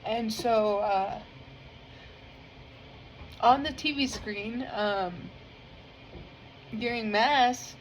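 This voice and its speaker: A woman's voice: fairly high pitch, extremely slow, pauses often, a little hiss or hum, rough recording. A woman with a family, giving a casual spoken testimony about her faith in an earnest, rambling way, full of fillers and easily moved to tears. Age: adult with a family. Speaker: vlogger sharing a faith testimony.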